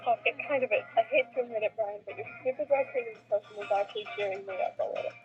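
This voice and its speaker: A woman's voice: fairly high pitch, very fast, lightly acted. Woman as an exasperated young woman, phone-like sound. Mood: grudgingly charmed. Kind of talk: reading a video game role aloud. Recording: thin phone-like audio, music behind.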